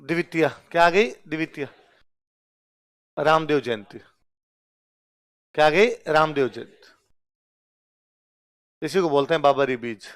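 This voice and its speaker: A man's voice: a little high, a little slow, pauses often, smooth. A man teaching a lesson, repeatedly asking questions and answering them himself. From Rajasthan. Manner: quizzes listeners with call-and-response questions. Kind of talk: exam-prep lecture.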